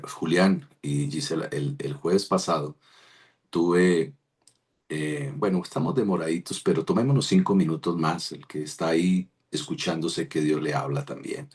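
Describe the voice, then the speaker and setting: Low husky pastor. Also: male voice. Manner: rambling storytelling with restarts. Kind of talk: devotional testimony. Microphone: video call.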